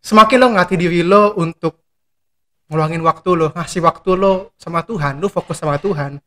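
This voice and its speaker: Young man, pastor, high voice, slangy and animated, plays out little prayer scenes. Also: a little fast. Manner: slangy Jakarta-style talk, acts out prayers in quoted voices. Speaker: pastor and guest. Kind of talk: casual faith chat.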